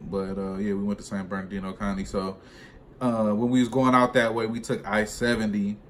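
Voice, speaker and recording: A young truck driver tells a personal story for his vlog, animated, slangy and conversational. His voice is on the low side and fairly quick, with clearly noisy room ambience around him.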